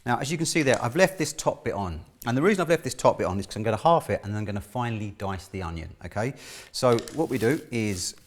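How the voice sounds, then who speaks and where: A man's voice: medium pitch, lively intonation, quick pace, slight background noise. A middle-aged man giving a casual cooking demonstration, chatty and instructional, often checking in with the listener. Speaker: chef presenting a cooking lesson. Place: indoor kitchen studio.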